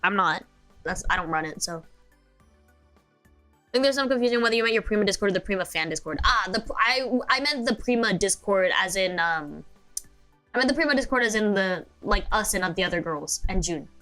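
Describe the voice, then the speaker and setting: A young American woman streams with soft music playing behind her, chatting casually and sleepily while rambling through lots of fillers and restarts. Her medium-pitched voice is bright and forceful, animated, and a little fast.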